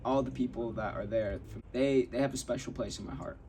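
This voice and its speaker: This podcast host, a young man, shares a personal story in a loose, candid way full of restarts and acted-out quotes. His mid-range voice is mellow and fairly quick. The recording catches him slightly off-mic, with faint noise in the background.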